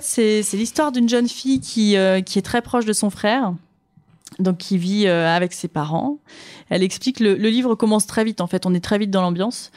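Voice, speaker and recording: A woman's voice: medium pitch, darkish tone. A woman presenting books in a casual chat, talkative with frequent fillers and easy laughter. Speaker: book reviewer on a radio show. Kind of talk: casual book chat and reading aloud.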